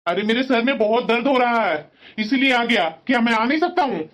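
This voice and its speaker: A woman voicing a stern middle-aged father-in-law in a cartoon, talking in gruff, demanding questions. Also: on the high side, lively intonation, fairly quick, pitched below the performer's own voice, close to an everyday voice. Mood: suspicious. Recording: dull lo-fi audio.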